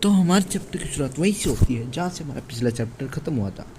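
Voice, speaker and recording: A man's voice: mid-range voice, animated, fast talker, background noise. A man casually retelling a manhwa chapter, with frequent restarts and fillers. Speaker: manhwa recap narrator. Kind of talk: casual story recap.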